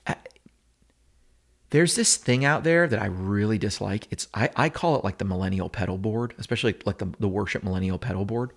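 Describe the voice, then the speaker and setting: A man's voice: on the low side, fairly quick, gravelly. A man in his thirties hosting a guitar gear channel, rambling and opinionated in a casual monologue full of fillers and restarts. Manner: animated, opinionated, with frequent fillers and self-corrections. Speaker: guitar gear video host.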